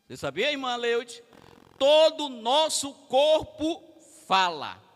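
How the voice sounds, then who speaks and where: Slowly and with big pitch swings, a man with an extremely high voice preaches to a family service. He has a Brazilian Portuguese accent and speaks conversationally, straight to the congregation. The recording carries the echo of a large church hall.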